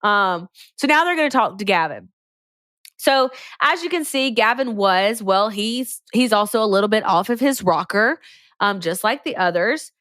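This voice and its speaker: A woman's voice: medium pitch, expressive, normal speed, fairly bright tone, no echo, studio quality. A woman co-hosting a podcast, chatting casually and sarcastically through a true-crime case. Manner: chatty, slangy, sarcastic asides. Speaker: podcast co-host.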